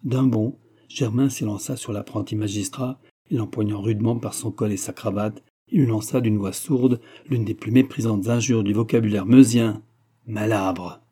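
A man reading a classic novel aloud in a measured, even narration. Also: fairly low pitch, breathy edge. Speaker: audiobook reader. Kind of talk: scripted narration.

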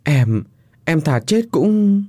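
A man's voice: medium pitch, big pitch swings, normal speed, mellow, dry recording, studio quality. A man voicing a desperate, heartbroken young wife who pleads through tears. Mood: pleading, tearful. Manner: tearful pleading, raised voice.

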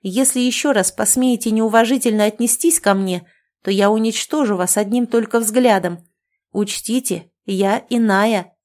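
A woman's voice: on the high side, normal speed, a little mellow, lightly acted. A woman voicing a young heroine in a fantasy story who speaks up defiantly, her voice raised above her narration. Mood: threatening. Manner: pleading then threatening, raised.

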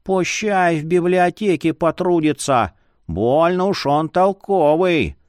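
A man voicing a jovial, wheedling old male librarian with a creaky, cackling voice. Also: fairly high pitch, expressive, takes it slowly, a little mellow, dry recording, studio quality, voice pushed up.

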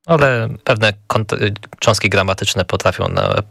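A man co-hosting a radio show, calmly explaining words in casual chat. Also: fairly low pitch, unhurried, vocal fry, no room sound, clean studio sound. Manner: calm, explanatory, monotone. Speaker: radio co-host. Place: radio studio.

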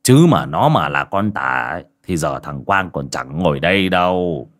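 Narrator playing a plain-spoken village man in an audio tale, slow and matter-of-fact, a little deeper than the narration. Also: lively intonation, fairly bright tone.

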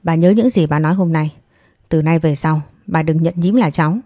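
Give me a composed young mother in an audiobook story, read by a woman. She speaks calmly and firmly, weighing each word. Her voice is low and mellow, and the recording is dry. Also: no echo. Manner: calm, measured, clipped.

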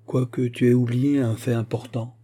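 A man's voice: mid-range voice, flat delivery, normal speed, dark tone, lightly acted. A male audiobook reader voicing a weary aging father who speaks in a somber, brooding way. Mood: confiding.

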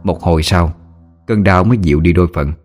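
A man narrating a scripted horror story with dramatic, expressive storytelling. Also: sits low, brisk. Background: faint music.

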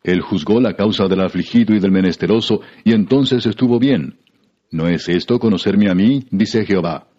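A man giving a measured, solemn scripted Bible reading, heard through a muffled radio broadcast. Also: lowish voice, warm tone. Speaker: scripture reader.

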